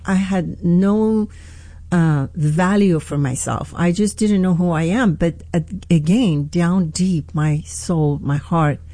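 A woman in her sixties from Iran with an Iranian accent, a pastor telling her life story in an interview, earnest and hesitant with many pauses and restarts. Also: lowish voice, mellow, dry recording. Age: 60s. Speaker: pastor, guest. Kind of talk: personal testimony in an interview.

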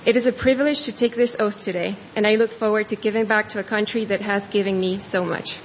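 Woman from Ecuador, measured ceremony speech, muffled sound, faint ambience. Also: medium pitch, steady tone, slight background noise. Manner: earnest, measured phrasing. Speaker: new citizen giving a speech. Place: large tent at an outdoor ceremony. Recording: dull audio with faint ambience.

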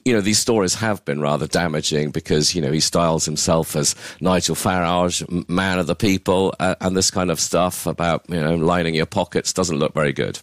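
A man working as a political correspondent, explaining the news in measured live analysis with frequent restarts. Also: low-pitched, dry recording.

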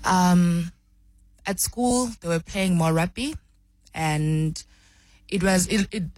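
A woman's voice: fairly low pitch, slow pace, a little mellow, dry recording, rough recording. A young woman from South Africa, a rugby player, answering interview questions with many ums and restarts.

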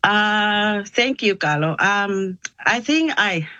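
A woman's voice: mid-range voice, lively intonation, takes it slowly, bright, forceful tone, dry recording, lo-fi sound. A woman from Tonga with a Tongan accent, a musician guest speaking in a casual interview, earnest and hesitant with many filler sounds.

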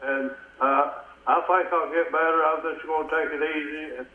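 A man calling in on a speakerphone, talking in slow, halting country speech while in back pain. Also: a little high, steady tone. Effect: on speakerphone over a phone line. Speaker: caller. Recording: tinny, roomy speakerphone call.

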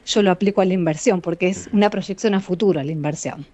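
An Argentine woman psychologist answering interview questions in a measured, explanatory way, often speaking straight to the listeners. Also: lowish voice, dark tone. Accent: Argentine Spanish. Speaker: psychologist and author, guest.

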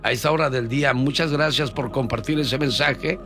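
A man's voice: mid-range voice, moderate pace. A man hosting a morning radio call-in show, chatting with callers and telling folksy stories. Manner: folksy storytelling, playful. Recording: radio broadcast with music bed.

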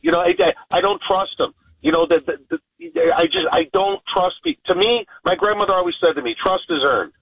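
A man's voice: high voice, huge pitch swings, fairly quick, vocal fry, slightly rough. Stammering man on a tinny AM phone line. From Chicago area, United States. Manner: emphatic, stammers and repeats words. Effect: narrow phone line heard on AM radio. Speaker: radio call-in caller. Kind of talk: call-in talk radio.

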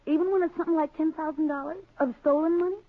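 Casting: woman playing plain-spoken, fretful American wife, high voice, vintage radio drama, phone-like recording. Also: steady tone, racing, lightly acted. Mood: doubtful, worried. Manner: hesitant, questioning, folksy grammar. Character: naive, anxious, plain-spoken working-class young wife. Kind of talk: old-time radio drama acting.

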